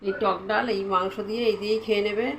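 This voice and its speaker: A woman's voice: mid-range voice, fairly even intonation, very fast, slight background noise. A woman vlogger chatting casually as she shows the dishes she has cooked, constantly telling viewers to look. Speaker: lifestyle vlogger. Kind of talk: casual cooking vlog chat.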